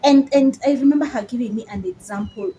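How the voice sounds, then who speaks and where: A woman's voice: a little high, fast, warm tone, dull audio, a little hiss or hum. A woman with a Kenyan accent explaining things in casual conversation as a psychologist, with emphatic repetition. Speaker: psychologist guest.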